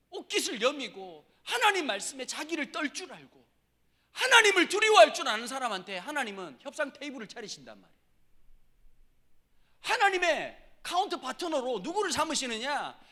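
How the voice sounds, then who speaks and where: Lively middle-aged male pastor, bright high voice, jokey storyteller who suddenly shouts. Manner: animated, humorous storytelling with shouted impressions. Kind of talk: sermon.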